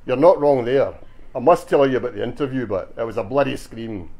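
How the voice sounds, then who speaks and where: Playing a stocky, cheeky retired Glaswegian with broad dialect, a male reader tells a boastful story at a bookshop event. He speaks fairly quickly in a mid-range voice with vocal fry, and the audio is dull.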